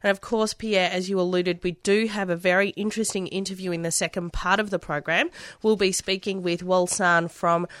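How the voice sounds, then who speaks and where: Woman, radio co-host, lowish voice, brisk and playful, dry studio sound. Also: fairly even intonation, fairly bright tone, no room sound. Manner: brisk, playful, reads contact details quickly. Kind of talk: community radio chat. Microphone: studio microphone.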